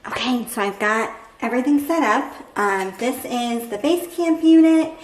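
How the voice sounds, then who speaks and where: Indoors in a home kitchen, a woman with a fairly high voice talks at a normal speed, casually hosting a cooking vlog and showing how things are done. Her audio carries room echo and background noise.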